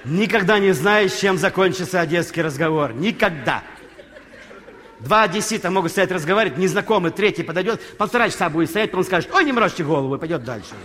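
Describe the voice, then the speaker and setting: An older man, a comedian telling humorous anecdotes in an unhurried stage monologue. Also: sits high, lively intonation, fairly bright tone, slight background noise. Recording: reverberant hall.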